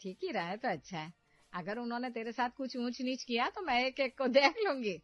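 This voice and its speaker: A woman voicing a domineering, scheming middle-aged mother in a cartoon story, loud and scolding. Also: a little high, a little fast, no room sound, dull audio, faint music behind, voice pushed up, lightly acted. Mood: sweetly scheming.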